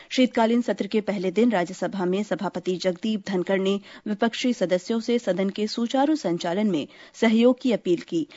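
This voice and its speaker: A woman reading a formal news bulletin in a steady, measured voice. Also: medium pitch, highs cut off. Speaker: news reader.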